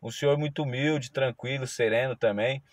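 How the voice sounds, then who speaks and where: A man, a driver telling a story in a casual vlog, moralizing and slow. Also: mid-range voice, fairly even intonation, no echo. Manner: moralizing, preachy, slow and drawn out. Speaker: ride-hailing driver.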